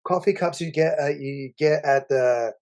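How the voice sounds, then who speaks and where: A man co-hosting a casual movie review chat, rambling and animated, with many restarts. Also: a little high, measured pace. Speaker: podcast co-host.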